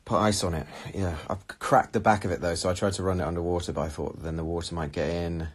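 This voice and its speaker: A man's voice: deep voice, fast. Young man chatting on a phone livestream. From England. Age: young adult. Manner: chatty and animated, reads out viewer comments. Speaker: livestream host answering viewer questions. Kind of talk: casual chat. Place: small room indoors, seated on red sofa. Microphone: phone at arm's length.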